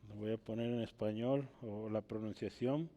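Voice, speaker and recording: A man's voice: on the low side, fairly even intonation, normal speed, mellow. A man preaching a teaching sermon, checking in with "¿verdad?" and climbing to emphatic peaks on key words. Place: church hall. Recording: long hall reverb.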